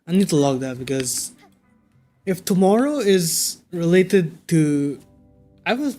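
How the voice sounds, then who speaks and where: A man livestreaming a game, talking casually and thinking out loud in a conversational way. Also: a little high. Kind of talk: casual livestream chat while playing a game. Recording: game music behind the voice. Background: video game music.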